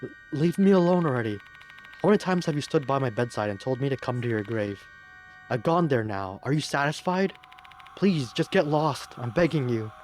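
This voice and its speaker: A man's voice: medium pitch, expressive, moderate pace, darkish tone, slight background noise, pitched above the performer's own voice, lightly acted. A man reading out game dialogue as a terrified young woman who begs a ghost to leave her alone, her voice trembling. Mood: pleading, frightened. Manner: trembling, begging.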